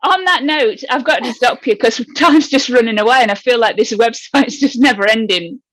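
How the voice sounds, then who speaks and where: A woman's voice: fairly high pitch, moderate pace, fairly bright tone. A woman co-hosting a casual, chatty interview show over a video call. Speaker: co-host.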